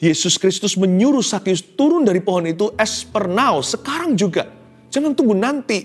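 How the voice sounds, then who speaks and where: A man preaching a sermon in an animated way, slipping English phrases into his talk. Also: high-pitched, moderate pace, breathy edge. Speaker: pastor.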